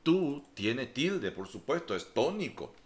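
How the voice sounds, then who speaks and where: A man's voice: medium pitch, sing-song, slow pace. A male teacher giving a patient grammar lesson who repeats key points and checks in with his students.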